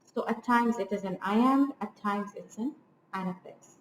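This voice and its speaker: A woman's voice: medium pitch, measured pace, echoey room, slight background noise, low-quality recording. A woman giving an informal literature lecture on a poem, explaining patiently and often checking in with her listeners. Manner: explanatory, frequent restarts and "right?" checks. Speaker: literature teacher.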